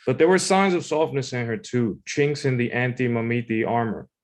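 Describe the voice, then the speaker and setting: A man's voice: mid-range voice, normal speed. A man reading his own personal essay aloud in a conversational, informal way. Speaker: writer reading own submission.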